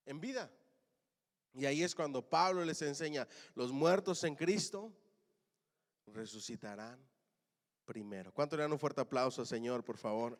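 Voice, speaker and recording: A man preaching a sermon as pastor, calling the congregation to answer back and swinging between loud and soft lines. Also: fairly high pitch, big-room sound. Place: church.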